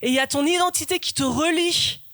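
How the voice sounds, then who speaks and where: Woman, pastor, high voice, earnest sermon, repeats key lines, dry close mic. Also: a little fast, a bit bright, dry recording. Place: church.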